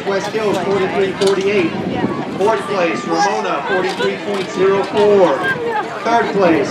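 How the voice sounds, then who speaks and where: A man announcing track meet results over a stadium PA system, reading places and times in a measured way. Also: high voice. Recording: echoey PA heard from far off, loud crowd and noise. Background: loud crowd and outdoor noise.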